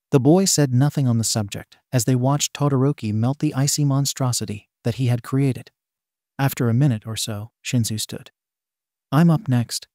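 A man narrating a fan fiction story aloud in a steady, even reading style. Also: mid-range voice, dry recording, studio quality.

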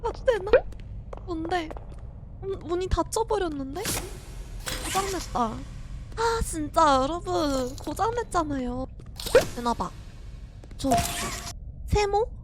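A woman's voice: extremely high pitch, animated, takes it slowly, pauses often, background noise. A young woman streaming a horror game, talking herself through it, jumpy and frightened, laughing and shrieking as she plays. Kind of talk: horror game let's play commentary.

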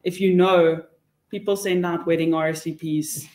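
This young woman, a South African webinar panelist, talks at normal speed with a low, steady, darkish voice. Her advice is candid and emphatic, given casually during a panel, and the table microphone catches plenty of echo from the roomy meeting room.

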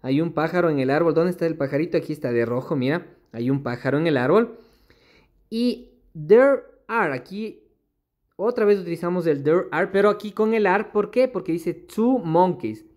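A man teaching English to young children, reading slowly, repeating each point patiently and checking that they follow. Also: fairly high pitch, expressive, a little mellow. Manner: reads English slowly word by word, then translates. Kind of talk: explaining a primary school worksheet.

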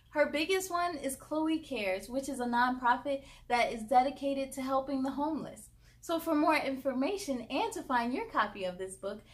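This children's storyteller is a young woman whose high voice carries an encouraging, expressive read-aloud style.

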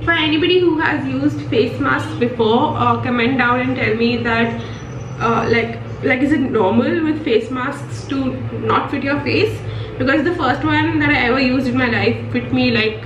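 A woman's voice: high-pitched, lo-fi sound. A young woman from India, chatting to camera in a casual vlog while speaking through a wipe over her mouth, giggling and asking viewers questions. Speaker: vlogger. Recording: echoey room with background noise.

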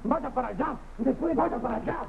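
A clownish, put-upon Argentine soldier in an old TV comedy sketch. His voice is very high, exclamatory and full of cheeky wisecracks. The vintage recording sounds tinny and noisy. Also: a little fast, gravelly, full character voice. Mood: cheeky, protesting. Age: middle-aged. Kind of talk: 1960s television sketch comedy acting.

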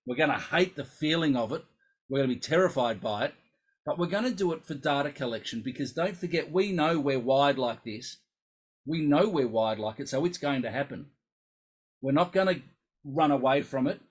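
Husky, animated man coaching musicians. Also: mid-range voice, normal speed, rough recording. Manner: animated, emphatic, acts out inner voices. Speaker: coach for musicians with focal dystonia. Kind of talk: casual explanatory talk.

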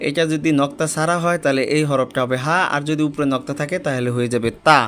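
A man's voice: fairly high pitch, quick pace, a bit bright. A man teaching Quran reading step by step, spelling each letter with its vowel mark and joining the syllables patiently. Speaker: religious teacher.

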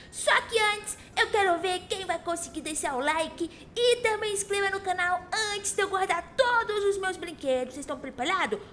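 Woman playing a very high, feisty little girl. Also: bright, forceful tone, slight background noise, exaggerated voice. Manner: childlike, exclaiming, bratty. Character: feisty little girl, cheeky, easily alarmed. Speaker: host of children's gaming channel. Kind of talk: Minecraft role-play narration for children. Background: music.

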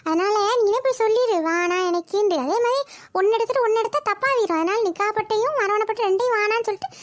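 Voiced by a woman, a nosy, gossiping cartoon auntie with a Kayalpattinam Tamil accent lectures a young bride without pause. Her extremely high, squeaky voice carries a preachy, meddling, nagging tone throughout this cartoon voice-acting piece.

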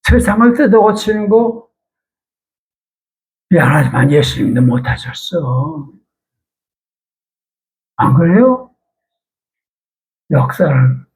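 A man's voice: high-pitched, rough recording. An older man preaching in a church, talking in a plain, conversational way and asking his listeners questions. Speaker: pastor. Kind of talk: sermon.

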